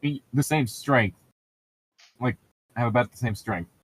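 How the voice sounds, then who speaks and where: Reading a novel aloud on a relaxed book podcast, this male co-host wanders off into chatty commentary and drops the odd swear word. His voice sits mid-range with a breathy edge, at a normal speed.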